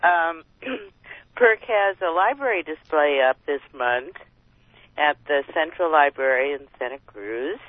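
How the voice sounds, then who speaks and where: A woman calling in to a radio show over the phone, talking in a plain, unhurried way as an advocate. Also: low voice, lively intonation, no echo. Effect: phone line. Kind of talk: casual call-in chat. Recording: tinny phone line, dry.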